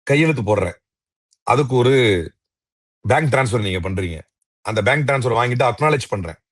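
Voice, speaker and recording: A man's voice: medium pitch, lively intonation, fast talker, no room sound. Combative guy going off on politics, keeps throwing rhetorical questions, dead dry sound. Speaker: interview guest, political commentator. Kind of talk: heated political argument.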